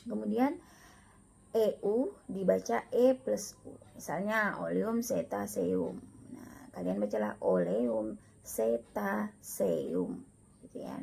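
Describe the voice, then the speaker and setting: A woman lecturer giving a recorded lesson, slow and patient, repeating each example aloud. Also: medium pitch, gravelly, warm tone, slight background noise. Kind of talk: recorded lecture on Latin pronunciation.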